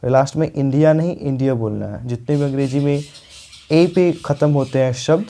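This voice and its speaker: A man's voice: mid-range voice, normal speed, gravelly, mellow. A young man with an Indian accent teaching a spoken English lesson, explaining step by step and often checking with "ठीक है".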